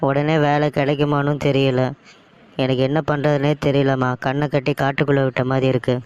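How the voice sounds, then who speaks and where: A man's voice: mid-range voice, flat delivery, a little fast, darkish tone, smooth, lo-fi sound, natural voice. A man voicing a dismissive, easily panicked young office-worker son in a cartoon story, with a Tamil Nadu accent. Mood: despairing. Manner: dismissive, then panicky and whiny.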